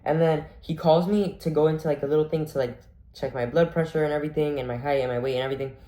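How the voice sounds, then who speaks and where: A man's voice: a little high, steady tone, fast talker, mellow. A young man telling a story casually, full of "like" and acted-out quotes. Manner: chatty, full of "like", acts out quoted voices. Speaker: vlogger. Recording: echoey room.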